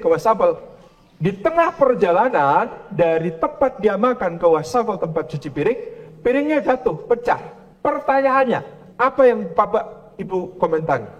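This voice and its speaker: A man giving a parenting lecture to a live audience, animated and telling stories as he preaches. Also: lo-fi sound. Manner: animated, acts out quoted parents in higher voices.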